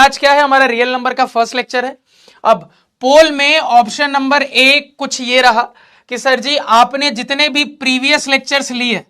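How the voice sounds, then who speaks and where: A man's voice: very high-pitched, pushed and bright, clean tone. A man teaching math in an online class, encouraging his students and repeating key points while talking to them directly.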